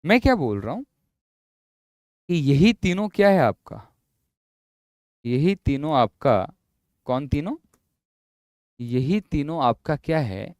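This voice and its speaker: Slow, coaxing man teaching physics. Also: mid-range voice, no room sound, studio quality. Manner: drawn-out, repetitive explaining, coaxing students with "yaar" and "bhai". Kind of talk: classroom lecture.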